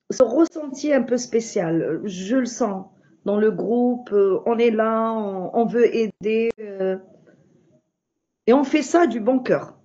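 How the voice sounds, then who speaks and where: A woman's voice: on the high side, dark tone, muffled recording. A non-native French-speaking woman with a foreign accent, talking casually and from the heart, searching for her words. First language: not French. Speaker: member of an online group. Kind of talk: casual heartfelt group talk.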